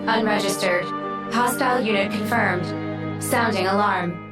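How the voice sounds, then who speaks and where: A woman voicing a hostile female combat robot, speaking in flat mechanical announcements through a robotic filter. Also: mid-range voice, a little slow. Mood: cold. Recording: echoey, distant, loud game music.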